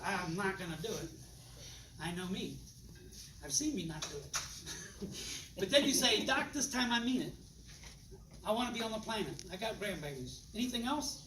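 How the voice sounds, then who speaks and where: A man giving a live product demonstration to an audience, folksy and animated, acting out little dialogues with changing voices. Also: extremely high pitch. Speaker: presenter demonstrating water machines. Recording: echoey room, distant mic, loud background noise.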